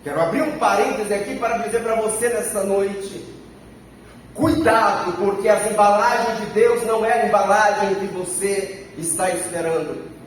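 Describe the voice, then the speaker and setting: High-voiced preacher in an echoey hall. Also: male voice, steady tone, moderate pace. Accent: Brazilian Portuguese. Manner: emphatic, repeats phrases, acts out prayers. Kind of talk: sermon. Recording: echoey church from a distance, faint noise.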